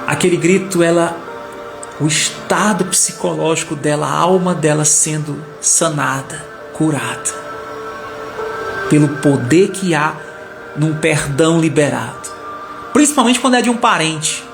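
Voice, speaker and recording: A man preaching a sermon as a story, animated and acting out the characters' lines. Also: fairly high pitch, measured pace, creaky. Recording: echoey room with faint music.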